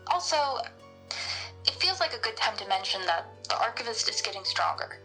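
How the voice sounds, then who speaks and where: Mid-range, sing-song, gravelly and bright, this woman's forceful voice moves briskly over background music in a rough recording. Playing a researcher on a podcast panel, she reasons things out matter-of-factly in a semi-improvised in-character discussion of a horror audio drama.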